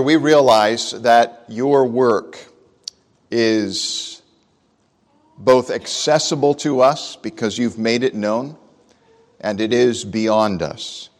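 A man preaching a sermon and leading prayer at a pulpit microphone, speaking in an unhurried, conversational way with frequent fillers. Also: mid-range voice. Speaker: pastor. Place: church sanctuary. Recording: long church reverb.

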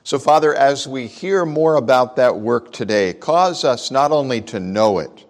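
A man preaching a sermon and leading prayer at a pulpit microphone, speaking in an unhurried, conversational way with frequent fillers. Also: medium pitch, expressive. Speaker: pastor. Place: church sanctuary. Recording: long church reverb.

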